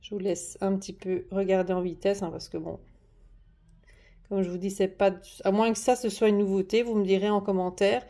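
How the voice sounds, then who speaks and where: A woman's voice: mid-range voice, little pitch movement, brisk, dark tone. A woman showing craft paper pads in a casual home vlog, chatty and hesitant, with many fillers and restarts. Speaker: craft haul vlogger. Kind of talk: casual show-and-tell vlog. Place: at home at a desk. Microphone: camera on the desk, moved closer and back.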